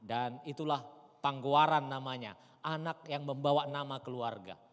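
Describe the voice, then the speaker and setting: A man preaching a sermon as pastor, dramatic, swinging between loud high cries and quiet low murmurs. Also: moderate pace. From Indonesia. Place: church sanctuary. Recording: long church hall reverb.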